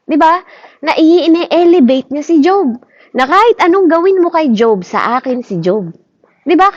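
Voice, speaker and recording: A woman's voice: sits high, no room sound, muffled recording. A woman preaching a sermon, often asking her listeners questions and mixing in English phrases.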